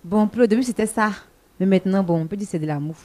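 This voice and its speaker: An actress playing a wife who speaks forcefully and resentfully about her husband's broken promise. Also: medium pitch, close to an everyday voice. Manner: forceful, resentful, quick retorts. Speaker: talk-show guest.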